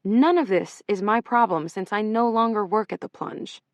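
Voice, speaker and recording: A woman's voice: mid-range voice, normal speed, dry recording, close to an everyday voice. A woman narrator voicing a wronged female editor who speaks firmly and in clipped, barely controlled lines. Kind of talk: audiobook character reading.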